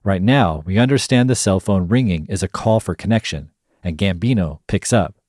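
A man hosting a podcast, narrating a scripted analysis in a measured, explanatory way. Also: deep voice, darkish tone, no room sound, studio quality. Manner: measured, explanatory, reads quotes aloud. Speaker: podcast host.

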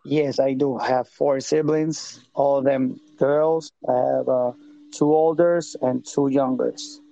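A man in his thirties from Puerto Rico, an evangelist minister speaking English with a Puerto Rican Spanish accent, talking haltingly and repeating words as he searches for them in a casual interview. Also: medium pitch, steady tone, vocal fry, dark tone, dry recording. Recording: dull lo-fi sound.

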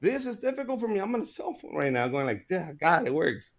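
Animated man in his forties, laughing. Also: sits high, fairly quick, muffled recording. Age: 40s. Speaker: comedian guest. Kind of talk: casual podcast chat.

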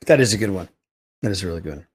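A podcast host with a low, husky voice talks rapid-fire, bantering casually with his co-hosts. He's animated and chummy, calling them buddy.

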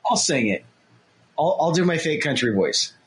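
A man's voice: on the high side, very animated, normal speed, husky. A man co-hosting a podcast in casual chat, easygoing and self-deprecating, laughing along. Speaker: podcast co-host.

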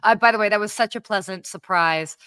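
A woman co-hosts a casual podcast livestream from her apartment. She talks in a bubbly, exclaiming way, full of ums and little cries of delight. Her voice sits at a middling pitch, and the sound is close and dry over a video call setup. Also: brisk, sharp tone, clean tone, dry recording. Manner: bubbly, exclaiming, many fillers. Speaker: podcast co-host. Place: home apartment.

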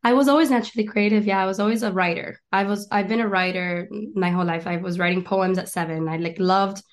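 A woman's voice: mid-range voice, steady tone, fast. Chatty young woman guest. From Miami and Argentina. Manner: chatty and eager, lists things, frequent restarts. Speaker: guest, actress and stand-up comedian. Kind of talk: casual interview chat.

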